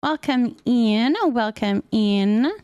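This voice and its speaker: Slow and a little high, this woman's voice has a darkish, clean tone. As a live streamer she chats loosely and giggles, rambling while she reads viewers' messages and answers them.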